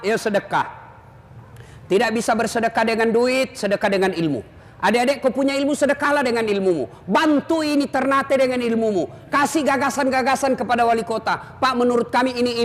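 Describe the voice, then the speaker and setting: A man's voice: extremely high pitch, brisk. A male preacher, giving a comic sermon full of teasing jokes aimed straight at the crowd. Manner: teasing, jokey preaching with direct address to the crowd. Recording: echoey hall, faint hum.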